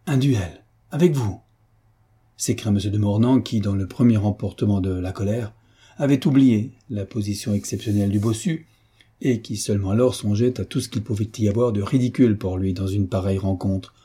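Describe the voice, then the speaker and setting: A man reading the narration of a classic novel in a measured literary style. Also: lowish voice, fairly even intonation, warm tone, breathy edge. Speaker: audiobook narrator.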